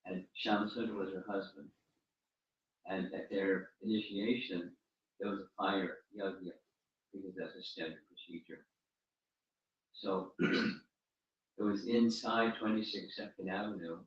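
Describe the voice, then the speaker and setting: This is a fairly low-voiced spiritual teacher fielding questions in an informal religious talk, steady and unhurried, pausing often and repeatedly restarting his phrases. He's in a room at a home gathering. A distant mic in the very echoey space makes the recording dull and muffled.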